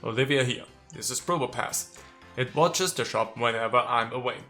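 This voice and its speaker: A man's voice: medium pitch, moderate pace, soft background music, lightly acted. A man doing a stiff mechanical robot voice. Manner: flat, mechanical robot delivery. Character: stiff robotic voice of a stone creature reading a letter. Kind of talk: let's play commentary.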